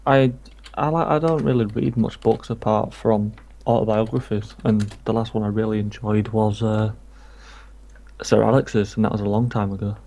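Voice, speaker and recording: A man's voice: lowish voice, steady tone, moderate pace, gravelly, dark tone. A man from England chatting casually about football while streaming a game, rambling from point to point. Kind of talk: casual chat while gaming.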